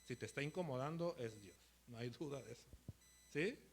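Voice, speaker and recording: A man preaching a sermon in a church, animated and rambling, with many restarts and quick laughs. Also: mid-range voice, a little hiss or hum. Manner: laughs between phrases.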